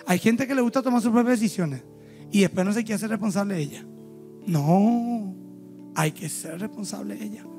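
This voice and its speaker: A man preaching, his voice sitting high for a man. He tells stories as he preaches and slips into character voices. Soft music plays faintly behind him. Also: moderate pace. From Paraguay. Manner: storytelling, acts out voices in anecdotes. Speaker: pastor. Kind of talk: sermon.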